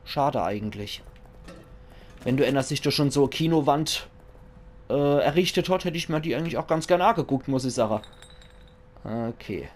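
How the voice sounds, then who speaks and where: A man's voice: mid-range voice, animated, normal speed, pauses often. A man with a Palatinate German accent, chatting jokingly to himself as he plays through a horror game and comments on it. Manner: jokey, chatty, talks to himself while playing. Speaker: let's play commentator. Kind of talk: casual gaming commentary.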